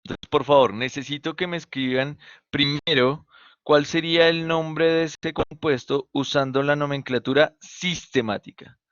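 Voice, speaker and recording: A man's voice: fairly high pitch, steady tone, moderate pace, fairly bright tone, no echo. Dull-sounding male teacher on a video call. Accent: Colombian Spanish. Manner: patient, asks questions and answers them himself. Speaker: chemistry teacher. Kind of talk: online class lecture. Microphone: computer mic on a video call.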